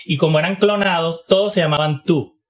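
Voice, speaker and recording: A man co-hosting a casual podcast chat, telling stories in quick animated bursts and restarting phrases as he goes. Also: a little high. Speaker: podcast co-host.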